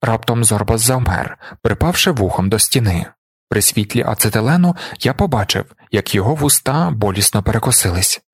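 A man narrating an audiobook in a steady, measured way. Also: on the low side, breathy edge, dry recording, studio quality.

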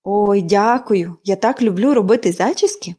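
A woman's voice: on the high side, very animated, moderate pace, a little mellow. A woman voicing a cheerful, chatty young girl in an audiobook reading, gushing and eager.

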